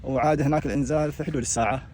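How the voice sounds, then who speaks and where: A man's voice: fairly high pitch, fairly even intonation, very fast, darkish tone. An Omani man working as an adventure guide, giving casual, practical instructions outdoors. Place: outdoors among rocks at a cave. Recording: distant mic with faint outdoor noise.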